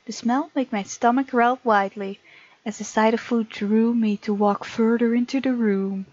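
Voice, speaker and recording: Reading the game's text out loud, this let's play host chats casually and responds to the unfolding story, with game music underneath. She speaks at a moderate pace in a fairly high, darkish voice with fairly even intonation; the muffled lo-fi recording has no room sound.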